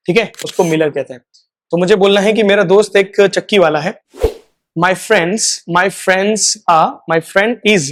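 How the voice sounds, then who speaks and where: A man teaching a spoken English lesson. He repeats each example phrase, stretches it out slowly, and checks in often with "right?". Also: high-pitched. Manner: slow, drawn-out model phrases; repeats words for practice.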